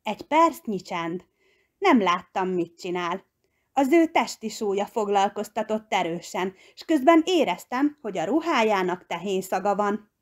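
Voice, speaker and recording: A woman reading a children's story aloud, lifting her voice on key words. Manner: expressive, pitch leaping on key words. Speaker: audiobook reader. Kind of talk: storybook narration.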